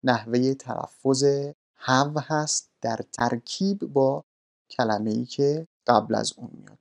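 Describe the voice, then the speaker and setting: A man's voice: mid-range voice, creaky, darkish tone. A man teaching English grammar, explaining patiently and politely, step by step. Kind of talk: explaining grammar lesson in Persian.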